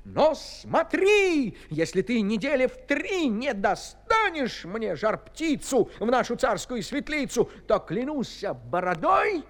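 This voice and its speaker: A man voicing a bossy, hot-tempered old tsar in a fairy tale, shouting threats. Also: high-pitched, sing-song, takes it slowly, smooth, big-room sound, full character voice. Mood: angry.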